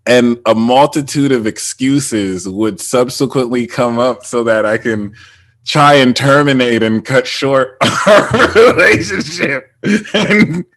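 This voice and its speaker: A man's voice: medium pitch, a bit bright, no room sound. A man hosting a casual spiritual conversation, rambling with many fillers and restarts. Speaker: podcast host.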